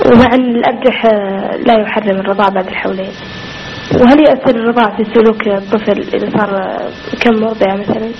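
A woman's voice: mid-range voice, steady tone, quick pace. A woman from Saudi Arabia calling in over the phone, politely asking a scholar her questions step by step. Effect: heard over the phone. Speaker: caller. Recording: muffled phone line with faint hiss.

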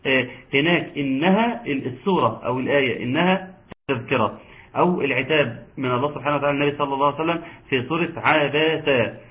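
Egyptian guy teaching quran recitation online, patient, mid pitch, sounds like a phone call. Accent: Egyptian Arabic. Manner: explains patiently, then chants verses slowly. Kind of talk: online tajweed lesson. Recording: tinny phone-like line.

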